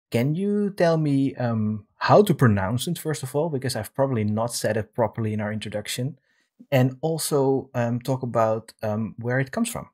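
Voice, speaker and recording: Husky-voiced European man hosting. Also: medium pitch. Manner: relaxed, many um fillers, drawn-out questions. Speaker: host. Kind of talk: casual interview. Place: home studio room with guitars on wall. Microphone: large desk microphone with headphones.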